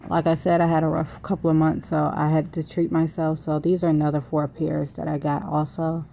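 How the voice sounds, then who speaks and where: A woman's voice: deep voice, flat delivery, brisk, gravelly, dark tone. A young woman vlogger giving a casual product review and try-on. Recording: noisy home phone recording.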